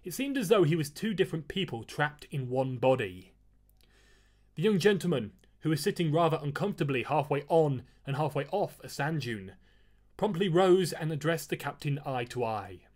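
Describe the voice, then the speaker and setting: A man's voice: a little high, expressive, normal speed, a little mellow. A man reading his own novel aloud. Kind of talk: audiobook-style reading.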